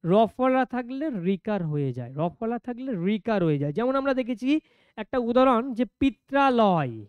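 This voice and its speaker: A woman's voice: a little high, sing-song, normal speed, smooth, dry recording. A woman teaching an exam-prep grammar lesson, who asks her own questions, answers them, and repeats each key rule several times. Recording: dull lo-fi sound.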